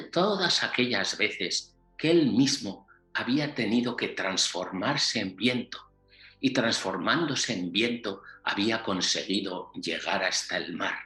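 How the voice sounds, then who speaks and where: A man's voice: fairly low pitch, sharp tone. Spanish-man telling a tale in an echoey room. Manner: slow, deliberate storytelling with repetitions. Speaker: workshop facilitator. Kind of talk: storytelling to open a workshop. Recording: roomy echo, faint music.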